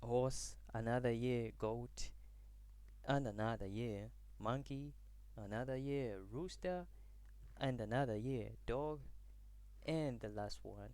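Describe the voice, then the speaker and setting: A young man from Zambia gives a class presentation, halting and restarting as he searches for words. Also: mid-range voice, a little mellow, dry recording. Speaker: student presenter.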